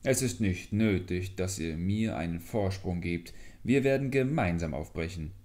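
A man voicing a small, clever male leech in a fairy tale who speaks calmly and lectures. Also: low-pitched, unhurried. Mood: defiant. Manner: calm, lecturing, mildly scornful.

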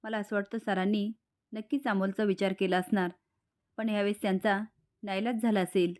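A woman's voice: medium pitch, fairly even intonation, brisk, darkish tone, lightly acted. A woman voicing a polite, respectful male assistant in a serial recap.

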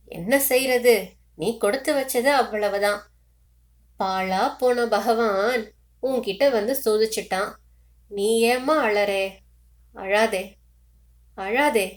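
Lady reading as an old auntie crying and begging someone not to cry, fast then slow, kinda loud. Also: on the high side. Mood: consoling. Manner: pleading, repetitive soothing. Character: grieving older aunt, tearful and consoling.

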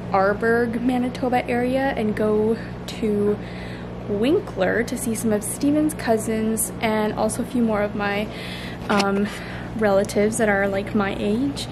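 Young woman vlogging over loud road noise. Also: medium pitch. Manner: chatty, upbeat, with frequent fillers. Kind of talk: casual travel vlog. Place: in a car, outdoors on ice, and in a living room. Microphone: handheld camera at arm's length.

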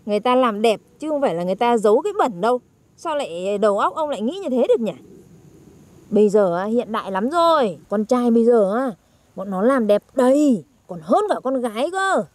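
A woman's voice: a little high, animated, a little fast, darkish tone. A young woman, teasing and chatty as a granddaughter in a comedy skit.

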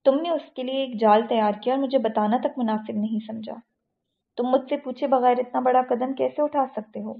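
A woman's voice: fairly high pitch, steady tone, vocal fry. A woman voicing a stern, powerful tycoon. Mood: angry. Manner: commanding, stern. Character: powerful angry middle-aged male tycoon. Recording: tinny phone-like audio.

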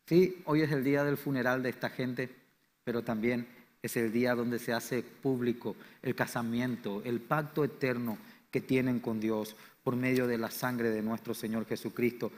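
A man with a Paraguayan Spanish accent preaching a sermon as pastor, swinging between loud, fervent declarations and quiet, low lines. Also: fairly even intonation, moderate pace. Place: church sanctuary. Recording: church hall reverb.

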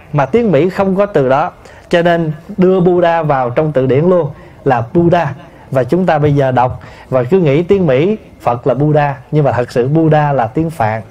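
A man, a Buddhist monk, giving a sermon to an assembly and explaining pronunciation slowly with many repetitions. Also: fairly high pitch, mellow. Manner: slow, explanatory, addresses the assembly, repeats terms to teach pronunciation. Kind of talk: sermon answering a listener's question.

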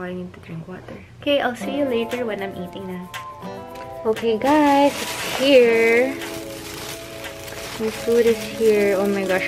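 A young woman with a Filipino accent, chatting casually to her viewers from a hotel room and slipping Tagalog words into her English. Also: mid-range voice. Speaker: travel vlogger. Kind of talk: casual vlog chat. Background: background music.

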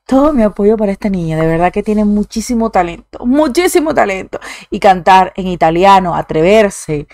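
A woman's voice: medium pitch, lively intonation, moderate pace, few pauses, darkish tone, no room sound, studio quality. A woman hosting a reaction video who talks effusively and reads viewer comments aloud, now and then slipping in English exclamations. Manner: slips English exclamations into her talk. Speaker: YouTube reaction host.

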